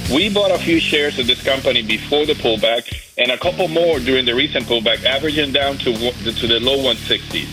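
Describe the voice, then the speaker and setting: A man's voice: medium pitch, brisk, few pauses, poor audio. Male caller, courteous and well-prepared, music bed underneath. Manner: polite, prepared question. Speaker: caller, parent. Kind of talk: phone-in question.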